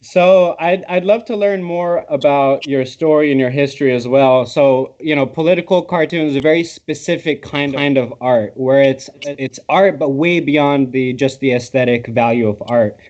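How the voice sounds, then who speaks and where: A man's voice: mid-range voice, normal speed, hardly any pauses, darkish tone, dull audio. A man hosting a livestream interview, asking earnest, thoughtful questions. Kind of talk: conversational interview.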